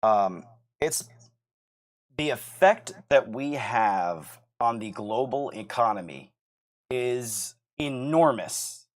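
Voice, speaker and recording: A man co-hosting a casual podcast in a middle-pitched voice. He explains his points steadily and keeps his humor dry. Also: lively intonation, slow. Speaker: podcast co-host.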